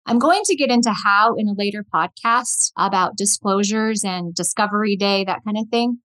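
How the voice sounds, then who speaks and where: A woman's voice: mid-range voice, moderate pace, fairly bright tone, no echo, low-quality recording. A middle-aged woman hosting a podcast, telling a personal story and giving direct, earnest advice to listeners she calls friends. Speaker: podcast host.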